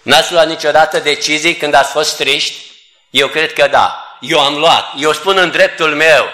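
A man's voice: on the high side, bright, forceful tone. A man preaching a church sermon, earnestly addressing the congregation as beloved. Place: church assembly hall. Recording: echoey hall.

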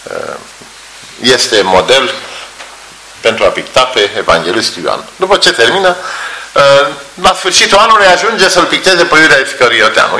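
A man's voice: medium pitch, a little hiss or hum. A male preacher giving a sermon in a church hall, telling stories and acting out voices. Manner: animated storytelling, acts out voices. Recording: roomy echo.

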